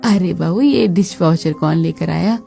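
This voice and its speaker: A woman voicing an older, bossy mother-in-law in a cartoon, speaking in a lower, slower scolding tone. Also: gravelly, dark tone, soft background music.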